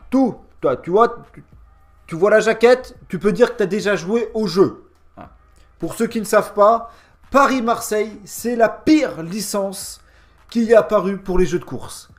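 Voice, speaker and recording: A man hosting a casual, sarcastic game review in a mocking, slangy and emphatic manner. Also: high voice. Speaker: gaming video host.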